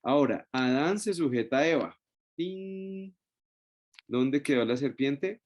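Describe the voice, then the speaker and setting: A man's voice: medium pitch, animated, moderate pace, darkish tone, muffled recording. Man leading a Bible study. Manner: keeps checking in with the group with short tag questions; explains step by step with many restarts. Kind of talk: Bible study lesson with a shared screen.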